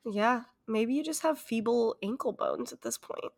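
A young woman co-hosts a podcast in a slightly high voice. She tells stories in a teasing, casual way and easily breaks into laughter. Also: normal speed, gravelly. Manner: teasing storyteller, prone to laughing fits. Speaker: podcast co-host. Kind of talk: casual chat.

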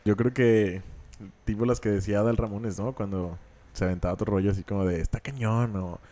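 A man's voice: lowish voice, steady tone, fairly quick, dark tone. A man in his thirties with a Mexican accent, co-hosting a podcast, telling stories in slangy casual chat. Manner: slangy, storytelling, swears casually. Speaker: podcast co-host.

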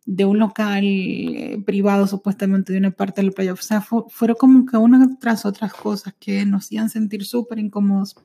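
Speaking into a studio mic in her small apartment, a woman from the United States in her thirties hosts a podcast about her own life. She's reflective and intimate, with frequent soft "eh" pauses, and her voice is warm, mellow and creaky, level in tone at an ordinary middle pitch.

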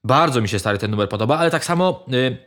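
A man's voice: medium pitch, lively intonation, fast talker, a bit bright. A man in casual chat, rambling with many fillers and restarts, swearing freely and giving blunt opinions.

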